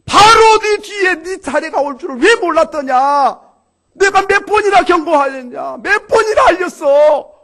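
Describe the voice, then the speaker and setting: A man puts on a stern king of the underworld who sits in judgment over the dead, scolding the soul in front of him. The voice rises higher and louder as the reproach builds, with a gravelly edge throughout. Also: lively intonation, normal speed, long pauses, heavily acted. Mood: thundering reproach. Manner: scolding, booming interrogation.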